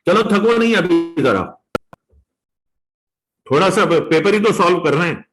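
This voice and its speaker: A man with a Pakistani accent teaching an online law revision class, drawing out the legal phrases slowly and coaxing his students along. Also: sits high, animated, a bit bright, faint music behind, poor audio. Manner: mixes Hindi-Urdu with English legal terms, coaxing students; slow and drawn out when reading points aloud. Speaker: law lecturer.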